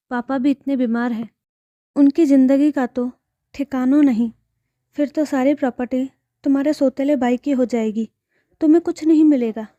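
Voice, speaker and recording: A woman's voice: sits high, mellow, dry recording, natural voice. A woman voicing an unhappy young married daughter, hesitant and holding back tears.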